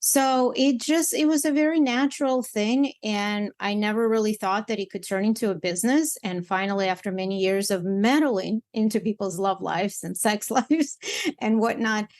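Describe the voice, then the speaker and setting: A woman's voice: medium pitch, normal speed. Woman guest, matchmaker from Ukraine; frank, blunt delivery, mid-range voice. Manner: candid, blunt, animated with repeated restarts. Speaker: matchmaker and dating coach guest. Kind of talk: casual interview chat.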